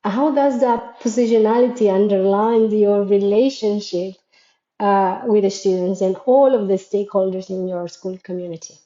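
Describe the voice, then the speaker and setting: Her voice is mellow, steady and medium-pitched at a normal speed, captured with a roomy sound and missing highs. A Spanish-speaking Latin American educator who created a school framework, she delivers an earnest, reflective monologue that poses questions to listeners.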